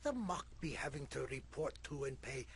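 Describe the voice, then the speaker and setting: An actor playing a gruff old fisherman in a video game, a grumpy storyteller with rustic sailor speech and a soft, relaxing voice. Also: mid-range voice, big pitch swings, moderate pace, slight background noise. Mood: reminiscing. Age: older. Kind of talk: video game character acting.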